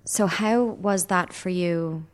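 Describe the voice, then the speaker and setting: A woman interviewing and narrating, asking questions gently and carefully. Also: fairly low pitch, takes it slowly.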